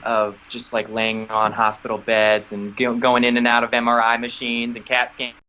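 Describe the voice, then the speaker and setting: Speaking at a moderate pace in a smooth voice, a man guesting on an interview talks about his acting and recounts a story informally. He performs the quoted lines with animated energy and abrupt high squeaks, though the recording is rough.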